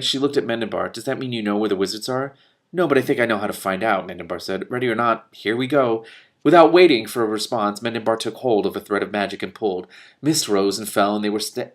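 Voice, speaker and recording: A man with a low voice reads aloud from a novel while commenting on it. For the characters' lines he grows louder and higher, and between passages he tosses off quick mutters, laughs and swear words in an animated way.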